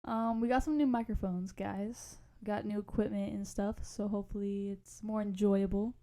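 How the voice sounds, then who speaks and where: A woman's voice: medium pitch, flat delivery, moderate pace, mellow. A young adult woman co-hosting a podcast, telling stories in a casual, slangy, rambling way and often losing her thread. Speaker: podcast co-host. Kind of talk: casual storytelling chat.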